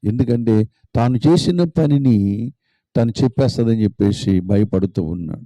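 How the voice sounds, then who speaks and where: A man's voice: fairly low pitch, moderate pace, dark tone, dry recording. A man preaching a sermon as a pastor, retelling a story emphatically with lots of repetition.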